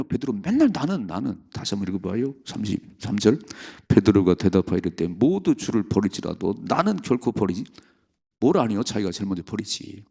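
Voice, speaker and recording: Pastor guy preaching hard, deep gravelly voice, jumps up high for emphasis. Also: a little mellow. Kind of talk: sermon. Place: church sanctuary.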